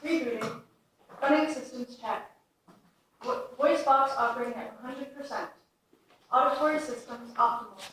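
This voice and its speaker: A woman plays a female android booting up, reading out her diagnostics in flat, clipped status reports. The voice sits fairly high for a woman and rings in a very echoey room, picked up from a distance over a faint hiss. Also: normal speed, long pauses. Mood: flat mechanical. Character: female android rebooting and running system diagnostics.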